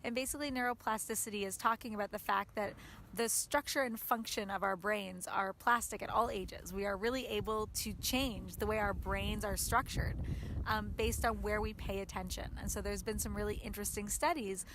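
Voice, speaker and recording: Calm woman explaining mindfulness in an interview. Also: mid-range voice, moderate pace, slight background noise.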